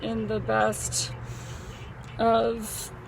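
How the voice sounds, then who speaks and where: A woman vlogging casually, weak, groggy and in pain after surgery, speaking in a halting, drawn-out way. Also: a little high, monotone, gravelly, background noise. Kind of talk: casual vlog chat.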